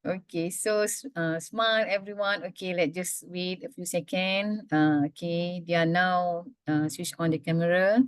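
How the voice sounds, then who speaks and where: A woman's voice: lowish voice, fairly even intonation, normal speed, few pauses, clean tone, no echo, studio quality. A woman, heard over a video call as she co-hosts a webinar, cheerful and saying okay again and again. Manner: cheerful, with many repeated okays. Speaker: webinar co-host. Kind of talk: running a group photo on a webinar.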